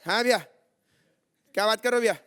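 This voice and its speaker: A man playing a boastful Indori wrestler goon in a stage comedy sketch, loud and swaggering, with an Indori Hindi accent. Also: high voice, steady tone, fast talker, noisy background, close to an everyday voice.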